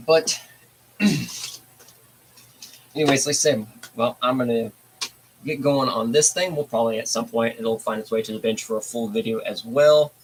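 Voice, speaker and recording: A man's voice: mid-range voice, normal speed, pauses often, slight background noise, rough recording. Laid-back man hosting a hobby livestream. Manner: laid-back, rambling with fillers. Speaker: livestream host. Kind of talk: casual livestream chat.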